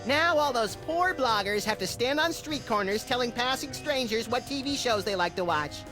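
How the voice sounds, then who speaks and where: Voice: mid-range voice, expressive, normal speed, over music, natural voice. A voice actor playing a hyperactive rabbit-like sidekick in a video game, chirpy and gleefully unbothered.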